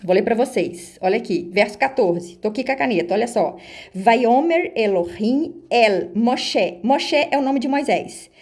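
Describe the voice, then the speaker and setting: A woman with a Brazilian Portuguese accent teaching the Bible on a phone video, warmly calling her listeners brothers and sisters and reading verses slowly. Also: a little high, expressive. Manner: warm devotional tone, repeatedly addresses listeners as brothers and sisters; reads scripture slowly and deliberately. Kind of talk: informal Bible study on video. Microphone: phone camera.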